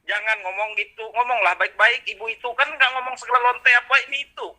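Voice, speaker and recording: A man's voice: very high-pitched, steady tone, fast, pushed and bright, poor audio. A man calling into a heated video-call debate, talking in a scolding, reproachful way. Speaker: debate caller.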